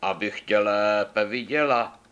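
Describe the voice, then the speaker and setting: A man voicing a sly, scheming male wolf in a fairy tale, speaking in a coaxing, drawn-out way. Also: on the low side, fairly bright tone, smooth, muffled recording, close to an everyday voice.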